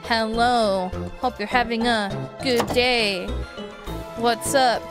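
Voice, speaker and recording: A young woman streaming live, chatting casually with viewers, playful and quick to swear and laugh. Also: on the high side, fairly even intonation. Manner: playful, swears and laughs often, reads chat aloud. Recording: music playing behind voice.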